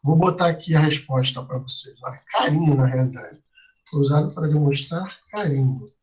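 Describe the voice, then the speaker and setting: A male teacher walks his class through a lesson step by step, asking them questions and ending his lines with "né?" and "tá?". His voice is fairly high and darkish, his pace moderate, and the audio sounds dull.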